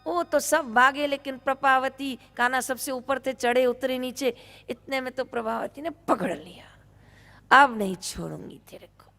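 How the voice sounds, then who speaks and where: A woman's voice: high-pitched, normal speed, big-room sound. Woman telling a devotional story. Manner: animated, acts out voices. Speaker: preacher.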